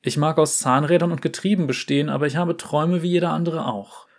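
A man voicing a shy, gentle porcelain clockwork boy in a storybook, soft-spoken and playful. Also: fairly high pitch, steady tone, quick pace, pitched above the performer's own voice.

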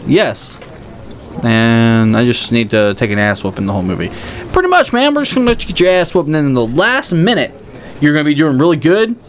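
Male podcast co-host, lively swinging pitch, profane movie rant, faint background noise. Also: brisk. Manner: profane, animated, acts out scenes. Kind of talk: casual movie review chat.

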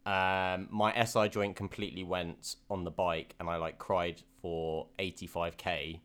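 A man's voice: sits low, little pitch movement, a little slow, fairly bright tone, clean tone. A young man co-hosting a podcast, telling his race stories candidly with lots of fillers and restarts. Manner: candid storytelling, many fillers. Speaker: podcast co-host. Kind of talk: casual podcast chat.

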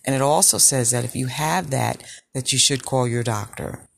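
A woman with a low, sultry voice hosting a personal podcast, speaking in a deliberate, reflective way with pauses. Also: gravelly, no echo. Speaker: podcast host. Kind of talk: personal health podcast monologue.

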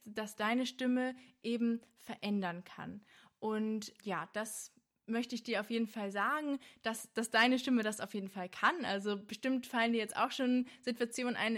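Earnest higher-voiced woman podcaster. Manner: earnest, searching, with fillers like "also" and "ja". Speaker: podcast host and voice coach. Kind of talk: casual talk to the listener.

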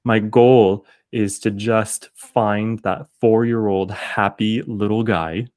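A man's voice: on the low side, steady tone, takes it slowly, a little mellow, dry recording, clean studio sound. A man with a Canadian accent, an actor and singer, talking earnestly as an interview guest. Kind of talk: reflective conversational interview.

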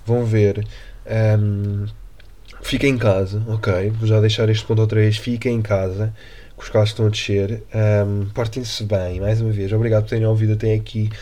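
A man's voice: fairly low pitch, flat delivery, normal speed, mellow. A young man from Portugal with a European Portuguese accent, hosting a casual solo podcast in a rambling, slangy, joking way. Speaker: podcast host.

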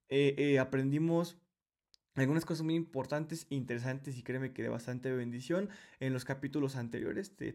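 A man gives a casual Bible study, talking straight to the listener. He explains each point step by step in a conversational way. His voice sits a little high for a man. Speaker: Bible teacher, podcast host.

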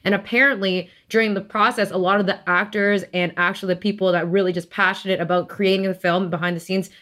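A woman's voice: mid-range voice, fairly even intonation, fast, a bit bright. A woman co-hosting a podcast in casual chat, heated, swearing often and filling her talk with "like.". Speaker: podcast co-host.

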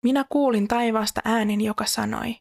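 A woman reads scripture aloud at a steady, measured pace. Her voice sits somewhat high but stays level and monotone, with a gravelly fry running through it.

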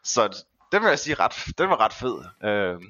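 A man with a bright, forward voice on the low side talks casually as a podcast guest. He phrases things thoughtfully and a little hesitantly, in a very dry sound. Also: big pitch swings, no echo. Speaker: podcast guest, film and series reviewer. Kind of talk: casual conversational interview.

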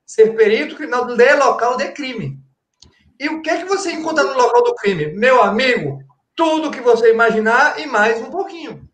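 A man's voice: very high-pitched, expressive, moderate pace, fairly bright tone, slight background noise. Didactic man in a roomy space. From Brazil, Pernambuco. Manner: didactic, colloquial, rhetorical questions, frequent "tá?" check-ins. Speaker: guest, forensic crime-scene expert. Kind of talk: explanatory conversational talk. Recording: roomy echo.

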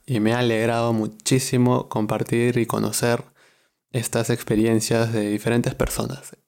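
Relaxed young Peruvian man hosting a podcast. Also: medium pitch. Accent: Peruvian Spanish. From Peru. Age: 20s. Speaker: podcast host. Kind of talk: casual podcast chat.

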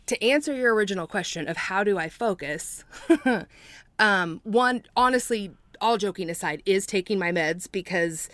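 A woman's voice: medium pitch, fairly bright tone, no room sound. A woman in her forties, a podcast guest talking casually in a chatty, rambling way with side notes. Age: 40s. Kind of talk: casual chat.

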